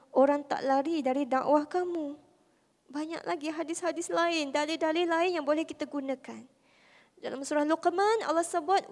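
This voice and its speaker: A Malaysian woman speaking with a Malaysian Malay accent, giving a lively, conversational religious talk to a convention audience in a soft voice, full of rhetorical questions. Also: high-pitched. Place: large convention hall. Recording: hall reverb from the venue.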